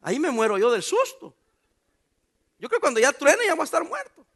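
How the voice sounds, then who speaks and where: A man's voice: very high voice, brisk. A man preaching a sermon as pastor, joking and calling out to the congregation. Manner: animated preaching with jokes and calls to the congregation.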